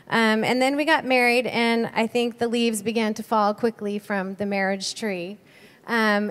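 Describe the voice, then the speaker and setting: A woman's voice: on the high side, a bit bright. A middle-aged woman sharing a marriage testimony from a church stage, telling her story earnestly with frequent ums. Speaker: pastor's wife sharing a testimony. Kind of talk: sermon testimony. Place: church sanctuary. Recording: long reverb of a large hall.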